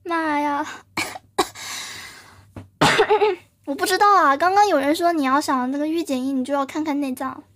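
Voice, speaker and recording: A woman's voice: high voice, unhurried, long pauses, fairly bright tone. A woman streamer chatting casually and playfully with her live viewers, often giggling and thanking them.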